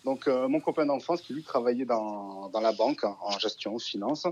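A southern French wine merchant in his thirties, with the region's accent, is a chatty but hesitant guest on a radio interview, speaking briskly in a medium-pitched, darkish voice. The audio is dull and lo-fi, with a slight hiss or hum.

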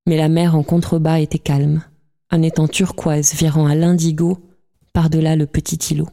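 A woman reading a novel aloud as an audiobook in a calm, measured way. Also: low voice, vocal fry. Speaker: audiobook reader. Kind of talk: scripted literary narration.

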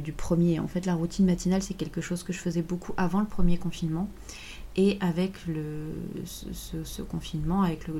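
A woman's voice: fairly low pitch, warm tone. A woman in her thirties with a French accent, hosting a casual solo podcast and chatting informally with lots of fillers and self-corrections. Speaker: podcast host.

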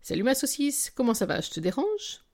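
A woman voicing an excitable, teasing young best friend who exclaims and gossips. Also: sits high, fairly quick, pitched above the performer's own voice, heavily acted. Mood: cheerful. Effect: heard over a speakerphone in the story.

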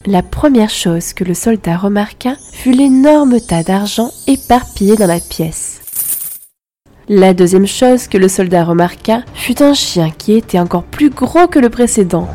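A woman telling a fairy tale in calm, expressive scripted narration. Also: mid-range voice. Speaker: storyteller.

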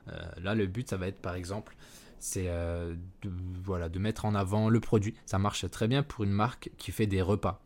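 A man's voice: low voice, steady tone, normal speed, a little mellow. A man hosting a casual solo podcast, rambling with many fillers and self-corrections. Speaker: podcast host. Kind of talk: casual solo marketing talk. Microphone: podcast mic.

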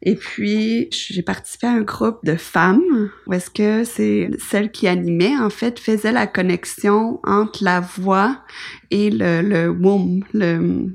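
A woman's voice: medium pitch, steady tone, slow pace, gravelly. A woman in her thirties with a Québécois accent, telling her birth story in a rambling, casual way with many restarts and fillers. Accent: Québécois French. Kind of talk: casual conversation. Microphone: podcast microphone.

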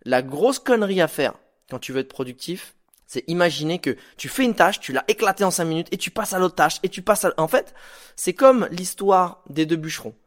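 A man hosting a podcast, giving casual motivational advice in an informal, animated way, with slang and the odd swear word. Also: high-pitched, moderate pace. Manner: acts out stories with sound effects. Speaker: podcast host.

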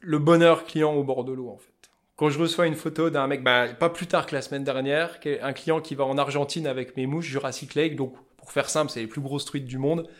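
A man with a Vosges accent, a fly-tying business owner talking loudly and passionately as an interview guest. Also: medium pitch, fairly even intonation, a little fast. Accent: Vosges French. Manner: loud, passionate, talkative. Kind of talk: casual interview chat.

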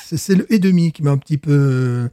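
A man's voice: fairly high pitch, a little fast, mellow, dry recording, clean studio sound. A man chatting casually while tasting beer, joking and playing with words between hesitant fillers. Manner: jokey, wordplay, hesitant fillers. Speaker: beer taster. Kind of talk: casual chat.

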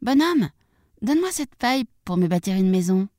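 A woman puts on a tiny storybook pig with a squeaky, piping voice that leaps far above her own. It is bouncy and lively, cheeky and clever, and recorded close and dry. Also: moderate pace, dry recording, natural voice. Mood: pleading, defiant.

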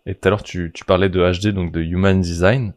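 Deep-voiced, relaxed man podcast host. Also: fairly quick. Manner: relaxed, hesitant, conversational. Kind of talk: casual podcast interview.

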